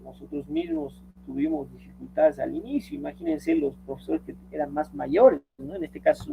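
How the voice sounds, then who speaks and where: A man's voice: on the high side, creaky, lo-fi sound, slight background noise. A man teaching a lesson, explaining step by step and reading quotes aloud, often checking with "¿no?". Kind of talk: screen-share tutorial lecture.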